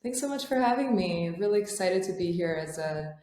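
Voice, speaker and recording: A woman's voice: on the low side, lively intonation, brisk, warm tone. A young woman from Albania, a founder, talking thoughtfully in a podcast interview with many fillers and restarts. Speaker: guest, startup founder.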